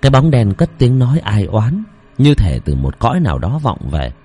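A man telling a village horror story in a dramatic, expressive voice. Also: mid-range voice, moderate pace, husky.

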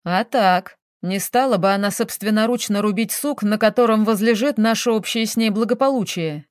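A woman reads a flustered middle-aged businessman who blusters and whines when cornered. The delivery is slow and deliberate. The sound is dry and close, with no room around it. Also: medium pitch, dry recording, lightly acted. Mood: defensive. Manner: agitated, blustering, whining.

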